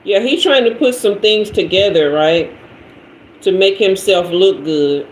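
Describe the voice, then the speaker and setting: A tarot livestream host, a woman in her 50s, chats with viewers and reads their comments in a casual, slangy way. Her voice is mid-range and unhurried. Faint noise and a roomy echo color the recording.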